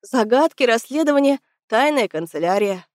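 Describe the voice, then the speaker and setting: A tall, sturdy young male cadet talks about his ambitions in a confident, eager way, voiced by a woman. His voice sits a little high, and the recording is dry and close. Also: lively intonation, moderate pace, no room sound, lightly acted.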